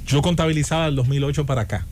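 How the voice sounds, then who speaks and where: A man's voice: on the high side, steady tone, rapid-fire, darkish tone, a little hiss or hum. A man, hosting a radio interview and putting his points to the guest in a conversational way. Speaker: radio host.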